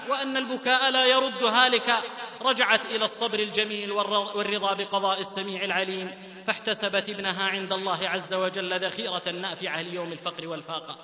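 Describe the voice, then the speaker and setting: A man's voice: high voice, pushed and bright. A man from the Hijaz in Saudi Arabia preaching a sermon-style lecture, telling stories fervently and slipping into a chanted lilt. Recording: echoey hall reverb.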